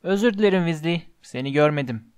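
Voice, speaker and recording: A man's voice: a little high, animated, fairly quick, smooth, no room sound, studio quality, natural voice. A man voicing a sneering schoolboy bully. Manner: taunting, mocking. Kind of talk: audiobook character voice.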